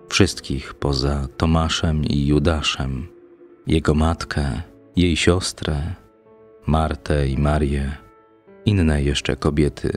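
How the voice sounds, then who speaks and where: A man reading a literary novel aloud as an audiobook narrator, in a measured, steady first-person narration. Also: rumbling low.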